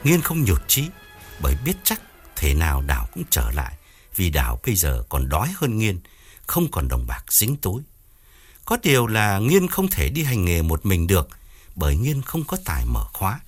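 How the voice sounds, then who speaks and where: A man narrating an audiobook story in a steady storytelling manner. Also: sits low, normal speed, breathy edge, soft background music. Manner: steady storytelling, voices each character.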